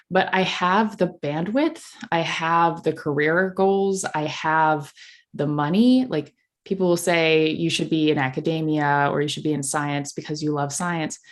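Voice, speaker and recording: A young adult woman speaking as a podcast guest in candid conversation, blunt and impassioned. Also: low-pitched.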